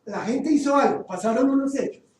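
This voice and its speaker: A man's voice: very high voice, brisk, a little mellow. A man leading a group training session, questioning the group and stressing his key points. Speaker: workshop trainer. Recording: echoey room, far from the mic, faint hiss.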